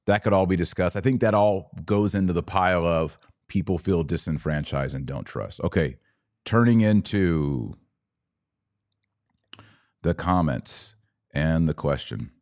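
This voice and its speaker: A man hosts a podcast livestream, casually reading viewer comments aloud and responding to them in a conversational way. His voice is low-pitched, unhurried and a little mellow. The recording is clean studio sound with no echo.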